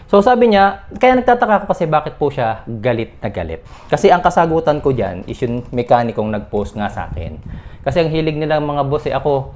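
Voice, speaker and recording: A man's voice: mid-range voice, darkish tone. A mechanic vlogger defending himself in a casual talk to his viewers. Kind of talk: casual vlog rant to viewers.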